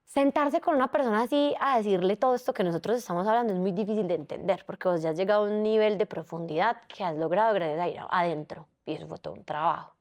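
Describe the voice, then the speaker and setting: A woman's voice: mid-range voice, fast, few pauses. A woman, a psychologist co-hosting a casual interview, who talks animatedly and acts out the people she quotes. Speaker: psychologist, podcast co-host.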